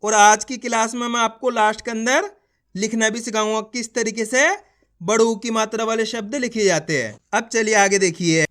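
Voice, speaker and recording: A man's voice: sits high, steady tone, normal speed, fairly bright tone. A man teaching beginners to read, sounding out syllables one by one and blending them into words while encouraging his viewers. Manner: encouraging, repeats instructions to viewers. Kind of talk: beginner reading lesson.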